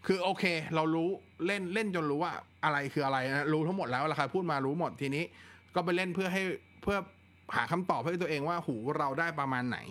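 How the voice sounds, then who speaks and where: A man with a slightly higher voice hosts a relaxed tech livestream. He chats casually and answers viewer questions, leaning on fillers as he goes. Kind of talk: casual live Q&A chat.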